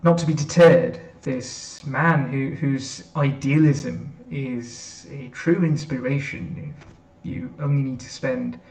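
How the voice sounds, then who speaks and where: A man giving an earnest prepared tribute as a member of an editorial board, pausing on "um" fillers. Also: medium pitch, creaky, darkish tone. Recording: echoey room, mic far off.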